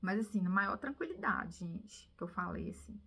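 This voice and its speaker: A Brazilian woman vlogging, telling viewers a personal story in an animated, confiding way that now and then drops to a whisper. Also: medium pitch, moderate pace, creaky, breathy edge. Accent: Brazilian Portuguese.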